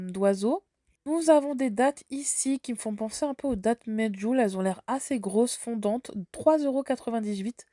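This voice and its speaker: A French woman vlogging a casual tour of a large store talks eagerly and casually, using plenty of fillers despite a slight head cold. Her mid-range voice is warm in tone. There's no echo, and the recording sounds clean, like a studio.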